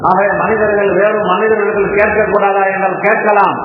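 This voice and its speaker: A man who heads an Islamic college gives a slow, emphatic sermon at a mosque compound, speaking through a PA with Arabic phrases woven in. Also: high voice, flat delivery. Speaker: Islamic college principal giving a religious lecture. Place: mosque compound, public address. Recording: very echoey, dull, noisy PA sound.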